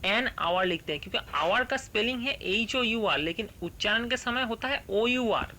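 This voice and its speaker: A male English grammar teacher, reading rules aloud slowly and then explaining them, often asking the class a question and answering it himself. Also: high-pitched, expressive, pushed and bright, a little hiss or hum.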